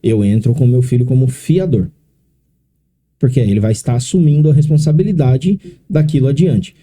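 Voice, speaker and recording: A middle-aged man with a São Paulo accent explains things to an interviewer, taking them step by step and often adding tag questions. His voice is deep and dark, and its pitch sits in the middle. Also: moderate pace. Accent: São Paulo Portuguese. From São Paulo, Brazil. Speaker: consórcio specialist guest.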